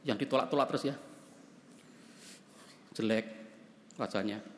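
A male pastor preaching a sermon in an animated, emphatic, joking manner. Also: on the low side, a little slow, big-room sound, slight background noise.

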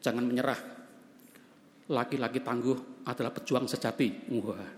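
A male pastor preaching a sermon in an animated, emphatic, joking manner. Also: mid-range voice, moderate pace, in a large hall.

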